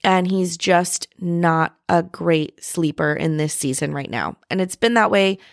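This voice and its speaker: Low, gravelly-voiced woman chatting candidly. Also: measured pace, no echo, studio quality. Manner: chatty, reflective, heavy use of "like" and "um"; candid, with occasional swearing. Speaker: podcast host. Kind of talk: casual solo podcast chat.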